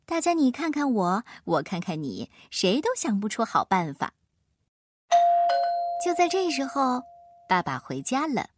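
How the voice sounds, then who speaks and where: A woman reading a children's picture book aloud in a lively, expressive way. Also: fairly high pitch, unhurried, pauses often, slight background noise. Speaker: storyteller.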